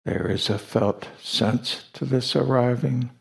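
A man of medium pitch, with vocal fry in his voice, guides a meditation as a teacher at a retreat hall. He delivers short, deliberate phrases and leaves long silences between them.

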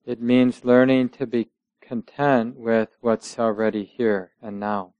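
A meditation teacher guides a session very slowly, his smooth, clear voice holding almost perfectly level in pitch. He speaks gently in short, measured phrases with long pauses between them, and the audio is dull with no room sound.

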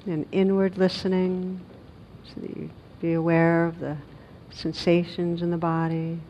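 A meditation teacher, a woman, leads a guided meditation in a very slow, even voice. She's gentle and unhurried, with long pauses between short phrases. The audio is a little dull, with a faint noisy rumble underneath.

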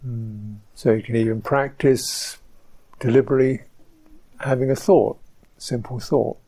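A man giving a slow, reflective dharma talk as a meditation teacher on a retreat, pausing often. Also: mid-range voice, steady tone, low-quality recording. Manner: slow, reflective, soft-spoken with pauses. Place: retreat centre hall.

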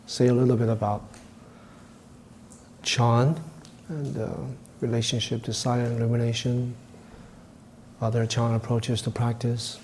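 A man from Taiwan, a meditation teacher giving a dharma talk to a retreat group. He speaks haltingly, with many fillers. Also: medium pitch, level tone, darkish tone, a little hiss or hum.

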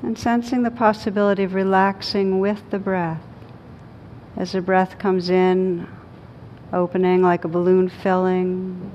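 Speaking to a group gathered in a room, a woman leads a guided meditation at a slow, soothing pace, leaving long pauses. Rumbling noise runs through the dull, lo-fi audio.

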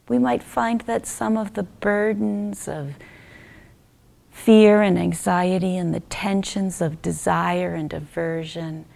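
A meditation teacher guides a session in a slow, creaky, mid-range voice. She speaks gently and without hurry, leaving long pauses between short phrases.

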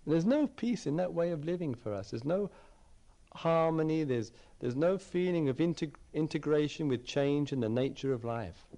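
Reflective male meditation teacher, lively pitch. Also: moderate pace. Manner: reflective, repeats phrases while searching for words. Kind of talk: dharma talk at a retreat.

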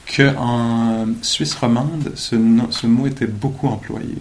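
A man giving a dharma talk at a meditation retreat, thoughtful and gently joking, pausing often with fillers. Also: mid-range voice, steady tone, poor audio. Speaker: meditation teacher.

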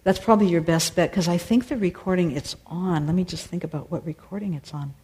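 A woman, both meditation teacher and singer, responds to audience questions following a dharma talk in a reflective, searching manner marked by many pauses and restarts. Her voice is on the low side and slightly mellow.

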